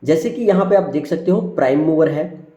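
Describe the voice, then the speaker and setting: Slightly high and a little fast, this male engineering teacher's voice is soft and mellow, echoing in a roomy space as he introduces a subject over slides. He lists technical terms one by one, dropping at the end of each, keeps adding "ठीक है" to his points and addresses viewers as friends.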